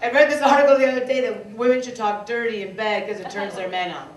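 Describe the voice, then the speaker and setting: A young woman from Michigan performing a stand-up comedy set in a club, playful and animated, slipping into voices of other people. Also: on the high side, fast talker, a crowd in the background. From Michigan, USA. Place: comedy club stage before a laughing audience. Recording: roomy, distant club recording with noise.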